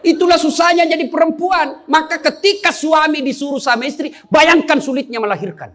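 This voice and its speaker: A middle-aged man preaching a humorous sermon, telling stories and acting out dialogue with lively, animated delivery. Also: very high voice, a little fast. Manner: animated, jokey storytelling with quoted dialogue. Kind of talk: humorous sermon to a live audience.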